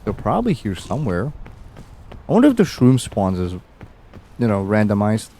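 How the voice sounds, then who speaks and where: A man's voice: lowish voice, huge pitch swings, normal speed, warm tone, slight background noise. A young man streaming a game, rambling and musing aloud with easy chuckles as he plays. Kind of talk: casual gameplay commentary.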